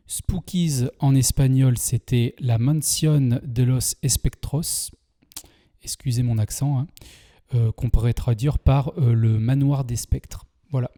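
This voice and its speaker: A French-accented man with a mid-range, dark voice hosts a casual film review video. His commentary is chatty, full of hesitations, fillers and restarts.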